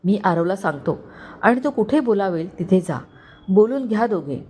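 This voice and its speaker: A woman's voice: medium pitch, expressive, moderate pace, darkish tone, a little hiss or hum, lightly acted. A woman voicing a kindly older male family servant who speaks tenderly and pleads with a fatherly tone. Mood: anxious.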